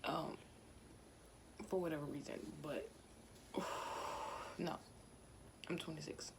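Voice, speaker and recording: A woman in her 20s from Louisiana, USA, vlogs indoors at home, chatting casually and rambling to the camera with self-focused asides. Her low-pitched voice has a steady tone and a slow pace, with background noise audible.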